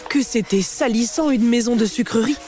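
Expressive woman reading a fairy tale. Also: fairly high pitch, normal speed, soft background music. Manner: expressive, lively storytelling. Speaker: narrator. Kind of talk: scripted storybook narration.

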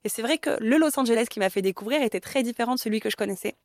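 Her speech rapid-fire and fairly high-pitched, a Parisian woman in her thirties gives a candid, chatty interview full of fillers. The recording is dry and of studio quality.

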